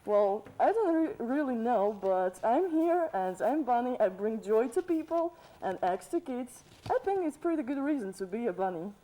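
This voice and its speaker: A woman playing a cheerful, cheeky Easter Bunny in a student TV sketch interview, relaxed and plain-spoken with hesitant fillers. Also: on the high side, normal speed, hardly any pauses, low-quality recording. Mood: casual. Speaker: interview guest.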